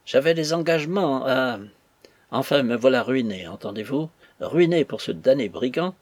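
A man reading aloud as a ruined old merchant, bitter and furious, ranting in a husky, breathy voice. The recording is dry and close, with no room sound around it. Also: medium pitch, expressive, normal speed, darkish tone, dry recording, natural voice. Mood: angry. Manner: ranting, bitter, raising his voice. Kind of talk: audiobook character voice.

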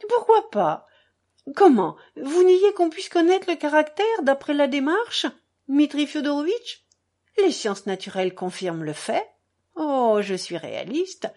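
A high, swooping society lady who gushes and rushes on, never letting anyone finish, as a woman reader puts her on. Her pitch leaps all over the place with breathless, bossy enthusiasm. An audiobook reading. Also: very animated, darkish tone, heavily acted. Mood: triumphant. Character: gushing, domineering society lady, middle-aged.

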